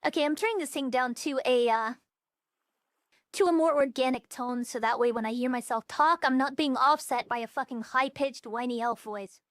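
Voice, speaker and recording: Blunt, profane high-voiced young woman streamer. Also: moderate pace, no echo, clean studio sound. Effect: voice changer turned down to a more natural tone. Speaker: VTuber streamer. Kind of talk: casual livestream chat.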